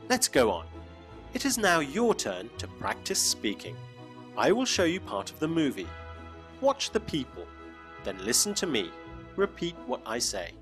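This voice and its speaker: A man presenting an English lesson in clear, teacherly narration. His pitch swings very widely as he speaks, and faint music plays behind him. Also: wildly swooping pitch, a bit bright. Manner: clear teacherly, slow for examples. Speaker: lesson host.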